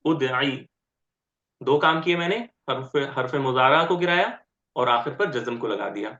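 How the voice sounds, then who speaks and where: Slow, repeating grammar teacher in a roomy lo-fi recording. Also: male voice, mid-range voice, sharp tone. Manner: explains step by step, often asks "ठीक है?"; repeats word forms slowly and deliberately. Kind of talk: online grammar lecture. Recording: roomy, dull lo-fi sound.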